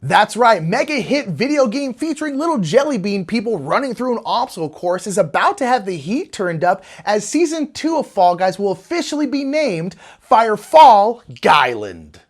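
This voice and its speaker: Female parody news anchor, animated intonation, medium pitch, scripted comedy delivery. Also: moderate pace, hardly any pauses. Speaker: co-host of a satirical board game news show.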